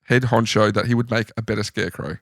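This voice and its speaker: A man's voice: on the low side, steady tone, quick pace, no room sound, studio quality. An Australian man co-hosting a podcast, casually telling trivia stories from his notes. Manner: storytelling, recounting trivia from notes. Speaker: podcast co-host. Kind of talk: casual chat.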